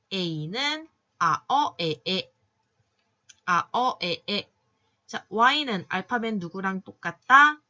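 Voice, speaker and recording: A woman teaching English phonics in a patient classroom manner, slowly sounding out each letter and cueing students along. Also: mid-range voice, pushed and bright, highs cut off. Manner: patient, drawn-out sounding of letters, many "자" cues. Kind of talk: slow classroom phonics lesson.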